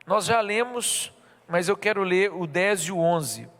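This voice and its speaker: Preaching in church, this pastor tells a story from his own life and performs the characters in it, speaking at a measured pace. His high-pitched, slightly bright voice carries a Minas Gerais Brazilian Portuguese accent, and the hall echoes around him.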